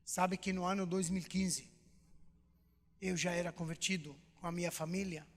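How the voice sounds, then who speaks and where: A male pastor telling his testimony to a church, animated storytelling with acted dialogue. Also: sits high, normal speed. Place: church hall. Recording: long reverb of church hall.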